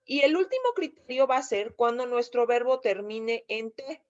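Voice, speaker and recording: A Mexican woman teaches in a slightly raised voice, laying out each rule step by step. She keeps pausing to check that her listeners follow. The audio is a bit dull and lo-fi. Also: fairly high pitch, animated. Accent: Mexican Spanish. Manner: patient step-by-step explaining, checks understanding with frequent "¿sí?". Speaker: English teacher. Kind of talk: video lesson explaining grammar.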